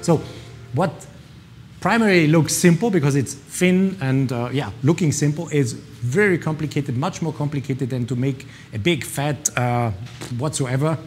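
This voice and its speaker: A man presents a watch show in a slightly high, lively voice, chatty and animated as he walks viewers through. Soft music plays underneath. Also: moderate pace. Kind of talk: casual presenting to camera.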